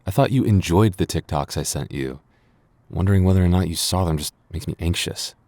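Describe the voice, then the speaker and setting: A young adult man with a low, darkish voice speaks briskly in an intimate boyfriend ASMR roleplay with no room sound. He plays a flustered young man hiding a crush, stammering and turning defensive.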